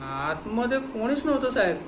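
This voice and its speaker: A man's voice: very high-pitched, sing-song, moderate pace, reverberant, slight background noise. A man voicing a timid, confused old watchman who answers meekly and hesitantly. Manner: meek, hesitant, answering 'yes sir'.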